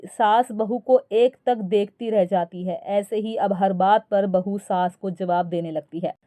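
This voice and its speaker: Mellow woman storyteller. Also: mid-range voice, measured pace, no room sound. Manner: steady storytelling. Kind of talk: scripted story narration.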